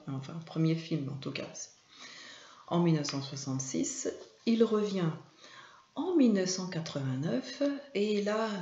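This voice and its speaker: A woman hosting her own video, explaining at an unhurried pace and pausing often on filler sounds. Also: low-pitched, mellow, echoey room, dull audio. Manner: hesitant, many filler sounds. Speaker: video host and image consultant. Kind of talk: informal talk to camera.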